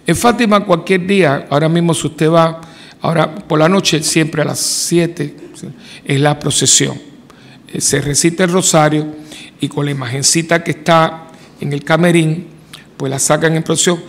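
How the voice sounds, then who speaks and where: A man, a priest, telling a personal story in a loose conversational homily, rambling along and lifting his voice to quote others. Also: fairly high pitch. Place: church. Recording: long church reverb.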